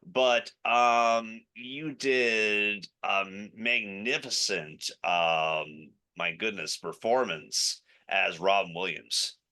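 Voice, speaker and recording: A male interviewer with a low but bright, forward voice. He asks his questions and reacts with open, eager enthusiasm. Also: drawn-out words, hardly any pauses.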